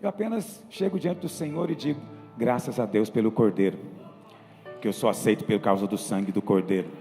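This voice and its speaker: A man with a Brazilian Portuguese accent preaching a sermon as pastor, lively and acting out the worried believers he describes. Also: lowish voice, brisk, creaky, long reverb tail, soft background music.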